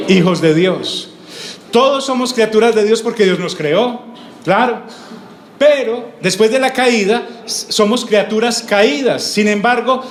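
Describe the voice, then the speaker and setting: A male pastor, his voice fairly high, preaches a sermon. He often puts questions to the congregation and answers them himself. The room is echoey, and there is faint background noise. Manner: teaching with call-and-response questions.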